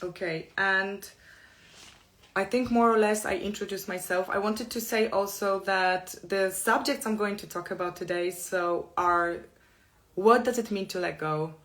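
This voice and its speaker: Her English has a Polish accent, since this middle-aged woman from Poland grew up speaking Polish. She gives an open, earnest self-help talk in slow, careful phrasing, her voice medium in pitch with a fairly bright tone.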